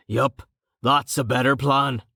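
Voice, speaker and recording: Guy doing a loud crude warrior dude, rough slang, slow and boomy. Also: fairly even intonation, no echo, studio quality, heavily acted. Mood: boisterous. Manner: boisterous, swears, rough slang. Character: brash burly male warrior, crude joker.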